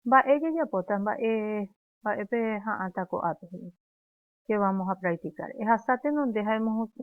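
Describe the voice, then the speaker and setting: Paraguayan woman teacher, unhurried, drills phrases for students to repeat, tinny dry recording. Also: mid-range voice. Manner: slow, clear, repeats phrases for students to echo. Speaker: Guarani language teacher. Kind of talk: classroom lesson, drilling conjugations. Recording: dry, phone-like narrow sound.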